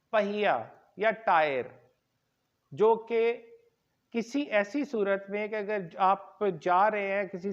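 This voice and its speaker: On a lo-fi recording, a high-voiced man teaches English pronunciation in a classroom lecture. He goes slowly, repeats every word and puts questions to the class.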